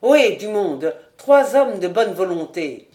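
A woman voicing a big, gruff country bonesetter who gives brusque orders to his patients. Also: on the low side, very animated, slow, a little mellow. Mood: calling out. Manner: brusque and commanding. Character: gruff burly rustic male bonesetter.

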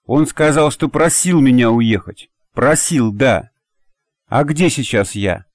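A man voicing a fiery, quick-tempered young woman in an audiobook, speaking in a sharp, commanding way. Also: mid-range voice, lively intonation, no room sound, studio quality, close to an everyday voice. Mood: furious.

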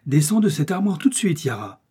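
Storybook role: a busy, impatient father mouse, read by a man, raised voice, husky and mellow. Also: a little high. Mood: exasperated. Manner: brisk, impatient. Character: hurried, harried father mouse, busy worker.

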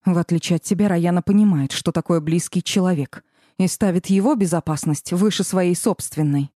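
A woman's voice: fairly low pitch, a little fast, warm tone, dry recording, studio quality, natural voice. A woman voicing a fiery young red-haired witch in an audiobook, hissing and indignant.

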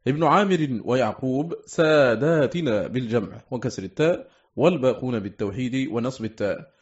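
Guy reading a scholarly book out loud, formal and even, mid-pitched, muffled lo-fi audio. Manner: steady, measured recitation of lists. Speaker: audiobook reader.

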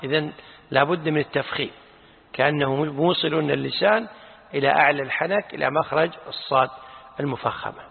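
A man teaching as a sheikh, commenting on a reading and correcting pronunciation in an unhurried way, with frequent short affirmations. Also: on the high side, creaky, slightly rough. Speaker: sheikh teaching a tafsir class. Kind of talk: explaining and correcting a reader. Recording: tinny phone-like lecture recording with long hall reverb.

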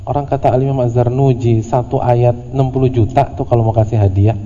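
A man teaching a religious study class in a relaxed, conversational way, with humorous slang asides. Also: medium pitch, a little fast. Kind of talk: casual religious study lecture. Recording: lo-fi audio in a reverberant hall with faint noise.

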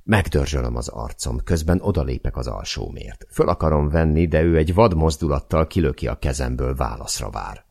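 Gravelly, very deep male narrator. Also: expressive, few pauses, darkish tone. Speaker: audiobook narrator. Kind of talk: first-person novel narration.

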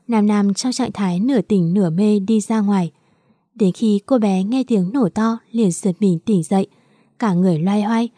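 A woman reading a story aloud as narrator, in a soft, even manner. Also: medium pitch, dry recording, studio quality. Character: little girl Nam Nam, about nine, pleading.

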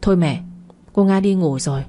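A woman voicing a gentle young man who speaks politely to his mother. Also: lowish voice, moderate pace, lightly acted. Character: caring young man, loyal friend.

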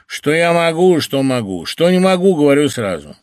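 A man voicing a gruff, surly middle-aged male builder who speaks curtly and with contempt. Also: a little high, very animated, normal speed, no echo, clean studio sound, voice pushed up.

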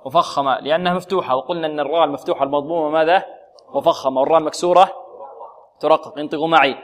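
A middle-aged man with a slightly high voice teaches Quran recitation, patiently quizzing his students and drilling single letter sounds over and over for them to repeat. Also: steady tone, rapid-fire. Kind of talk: tajweed lesson with call-and-repeat drills.

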